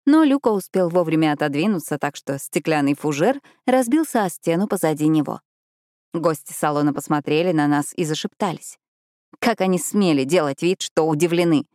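A woman narrating a first-person story in a steady, even reading voice. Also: low-pitched, a little fast, dry recording, clean studio sound. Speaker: audiobook narrator.

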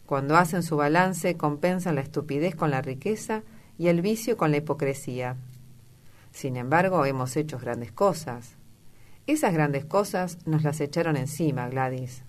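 Brief: a woman doing an urbane, epigram-spinning English lord in a storybook reading; low voice, unhurried, dryly ironic. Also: lively intonation. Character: witty, languid English aristocrat man, middle-aged.

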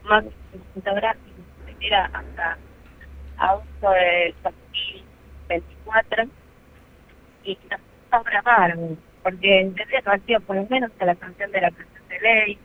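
A woman's voice: mid-range voice, steady tone, moderate pace, long pauses, a little hiss or hum. Woman on a muffled headset mic. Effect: distant, muffled headset mic on a call. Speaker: interview guest. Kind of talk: remote radio interview. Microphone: headphone headset on a call. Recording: tinny, dry phone-like call audio.

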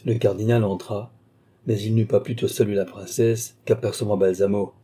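A man reading a classic novel aloud as an audiobook, in measured, even narration. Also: lowish voice, breathy edge.

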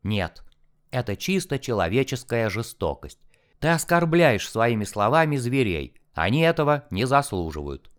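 A man reading an audiobook and voicing a calm, scornful male angel who lectures in a measured, contemptuous way. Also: mid-range voice, lightly acted. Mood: scornful, lecturing.

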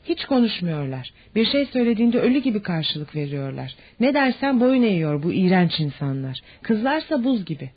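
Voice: medium pitch, animated, normal speed, slightly rough. A reader voicing a nervous, homesick young male army lieutenant who talks in a strained, emotional way. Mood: anxious. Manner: strained and emotional, rising to angry shouts. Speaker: fictional character. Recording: dull lo-fi audiobook recording.

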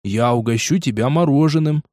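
A man's voice: mid-range voice, a little fast, darkish tone, no room sound, studio quality, close to an everyday voice. A man playing an impatient, exasperated young game player in a storybook reading. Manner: blunt, exasperated questioning.

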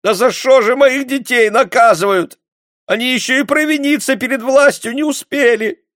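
A man narrating an audiobook performs a desperate peasant woman, pushing his voice higher than its natural pitch so it sounds like a high female voice. She wails and pleads tearfully in rustic speech at a moderate pace, lightly acted, in a dry, clean studio recording.

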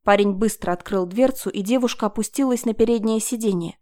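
Measured woman narrating an audiobook. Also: medium pitch. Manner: even, measured storytelling. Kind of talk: first-person audiobook reading.

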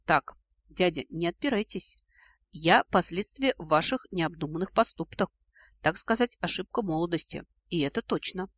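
A man voicing a bold, sharp-tongued young woman in a storybook reading, with teasing, cheeky retorts. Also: high voice, animated, normal speed, no echo. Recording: dull lo-fi dry recording.

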